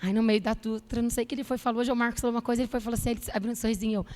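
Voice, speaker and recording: A woman pastor preaching to couples, telling stories with quoted dialogue in a lively way. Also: fairly high pitch, very fast. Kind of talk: sermon to couples. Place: church. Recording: church hall reverb.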